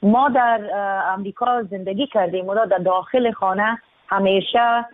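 A young woman from Afghanistan, a singer, talking as an interview guest in an earnest, reflective, unhurried way. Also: mid-range voice, fairly even intonation, dry recording. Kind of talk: casual interview talk. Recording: tinny phone-like line.

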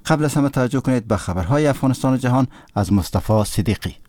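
A man's voice: medium pitch, expressive, darkish tone. A man introducing a news magazine in a formal announcing style.

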